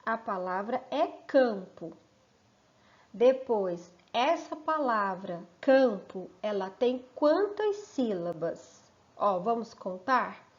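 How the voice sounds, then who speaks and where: Slow, careful schoolteacher woman. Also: mid-range voice, sing-song, lo-fi sound. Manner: slow, careful, stretches out sounds and syllables. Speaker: primary school teacher. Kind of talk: slow remote lesson for children and families.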